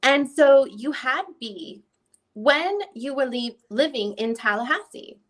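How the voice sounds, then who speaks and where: In a dramatic deposition reading, a woman with a high voice plays a lawyer. She is methodical and probing, putting her questions formally and deliberately.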